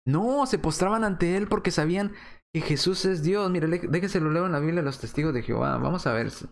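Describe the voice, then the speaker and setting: Spanish-speaking preacher asking rhetorical questions. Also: male voice, on the high side, fairly quick, creaky. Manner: rhetorical questions, reading scripture aloud. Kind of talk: sermon.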